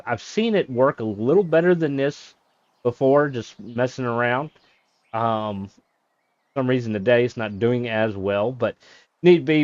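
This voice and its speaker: A man streaming a game from a small closet office, chatting casually in a monotone way, with many fillers. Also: medium pitch, no echo, muffled recording. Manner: self-described monotone, rambling with fillers. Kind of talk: casual live-stream chat.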